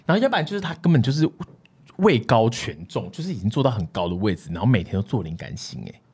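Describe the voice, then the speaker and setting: Woman, Taiwanese Mandarin accent, podcast co-host, casual storytelling, quick talker. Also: slightly rough. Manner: animated storyteller, swinging widely in pitch.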